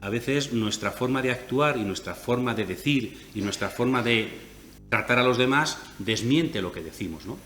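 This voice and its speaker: A man's voice: expressive, moderate pace, a bit bright. A man from Spain with a Castilian accent giving a conference lecture, explaining his points step by step with frequent rhetorical "¿no?" tags. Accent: Castilian Spanish. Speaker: lecturer on biblical theology. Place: conference hall. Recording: echoey hall with faint rumble.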